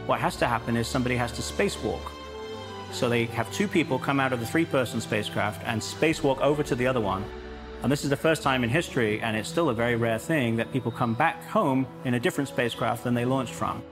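A man's voice: mid-range voice, fast, over music. A man explaining history conversationally as a commentator in a documentary interview.

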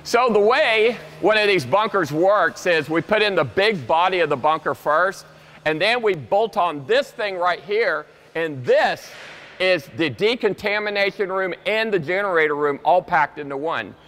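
Bright-voiced man in an echoey bunker. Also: high-pitched, expressive, unhurried. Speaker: bunker company owner giving a tour. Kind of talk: casual walkthrough and product demonstration. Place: inside steel underground bunkers and shelters. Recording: echoey enclosed space, faint background noise.

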